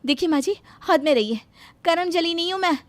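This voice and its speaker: A woman voicing a feisty young bride who hides huge ears, cheeky and quick to snap back. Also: very high-pitched, lively intonation, no echo, pitched above the performer's own voice. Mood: defiant.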